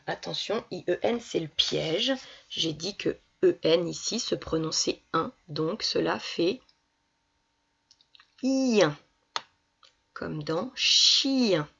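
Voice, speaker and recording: A woman's voice: fairly low pitch, creaky, breathy edge. A woman primary school teacher giving a reading lesson to young children, patiently sounding out syllables. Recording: dull lo-fi recording.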